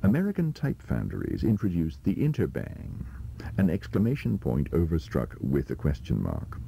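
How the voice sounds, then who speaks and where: A man narrates in a formal, unhurried manner. His voice sits very low and carries a gravelly edge. The intonation swings widely from line to line. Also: huge pitch swings, warm tone, slight background noise. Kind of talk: scripted narration.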